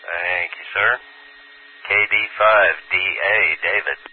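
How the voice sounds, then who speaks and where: A man running an amateur radio net as control operator, reading procedures and calling the roll in a measured, formal way, heard over a radio link with static. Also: deep voice, fairly even intonation. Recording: narrow radio band with faint static hiss.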